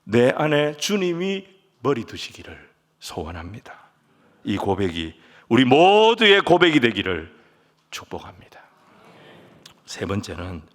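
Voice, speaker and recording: Korean pastor preaching in a reverberant hall. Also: male voice, fairly low pitch. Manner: emphatic preaching, swings from soft near-whispers to loud stressed lines; leads the congregation in reading scripture aloud. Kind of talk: sermon. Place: large church sanctuary. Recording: long church hall reverb.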